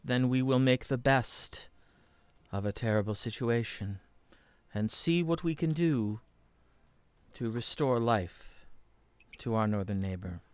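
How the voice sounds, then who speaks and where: A man voicing a formal council leader who speaks in measured, ceremonial phrases. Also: mid-range voice, expressive, clean tone, no echo. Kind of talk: tabletop role-play voice.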